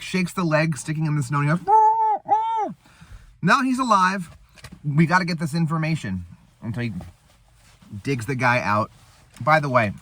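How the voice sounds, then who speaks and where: Rambling man, lively pitch. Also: breathy edge. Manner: rambling, laughing, eating while talking. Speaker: host. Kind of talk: casual chat.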